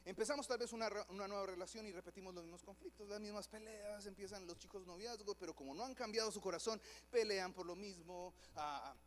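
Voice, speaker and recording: A man preaching a lively sermon in a church, acting out the voices of people in his stories. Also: high-pitched, fast, few pauses, slight background noise. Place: church hall.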